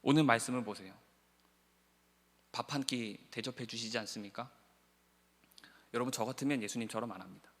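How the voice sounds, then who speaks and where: A male pastor preaching a sermon, swinging between hushed, soft passages and loud, impassioned pleading. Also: mid-range voice, fairly quick, pauses often. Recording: long church hall reverb.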